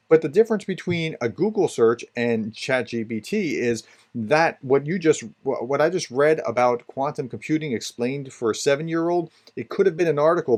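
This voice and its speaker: A man hosting a beginner's software tutorial, chatting casually as he clicks through the steps. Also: a little high. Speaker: tutorial host. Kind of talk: casual screen-share tutorial.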